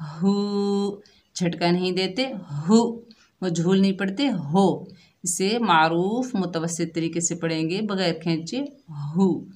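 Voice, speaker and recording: Slow, careful Urdu-accented woman teacher. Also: fairly low pitch. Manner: slow, careful, explaining rules step by step and modelling sounds for students to repeat. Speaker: Quran recitation teacher. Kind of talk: online recitation lesson.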